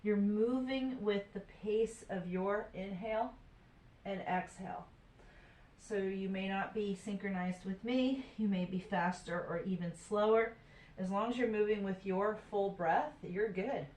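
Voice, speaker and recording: A woman yoga instructor leading a home floor routine, calmly cueing breath and poses. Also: medium pitch, unhurried, echoey room.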